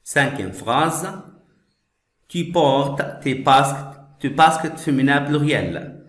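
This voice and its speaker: A man teaching French, explaining slowly and patiently, repeating each phrase and glossing it in English. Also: fairly high pitch, animated, fairly bright tone. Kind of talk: slow classroom explanation. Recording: echoey room.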